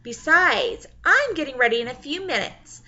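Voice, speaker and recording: A giddy, teasing mother, put on by a woman reader, drawing her words out playfully. The voice sits higher than usual and rings bright. It comes through on a dull, lo-fi recording. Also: very animated, moderate pace, full character voice.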